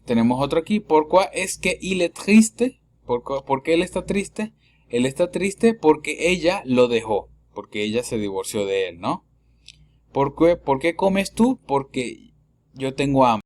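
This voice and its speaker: A man giving a recorded French lesson in Spanish, patient, saying words slowly twice and checking with a quick "¿sí?". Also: mid-range voice, big pitch swings, a little mellow. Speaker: French teacher.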